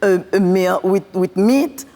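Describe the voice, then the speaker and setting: A Haitian woman who works as both a physician and a farmer answers interview questions earnestly, repeating phrases as she lists things. Her mid-range voice is slow and dark, and the recording carries a long hall reverb.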